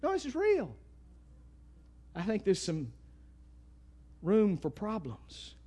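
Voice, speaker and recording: A man with an East Texas accent preaching a sermon in a folksy, emphatic way, swinging from loud bursts to hushed asides. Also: high-pitched, wildly swooping pitch, slow pace.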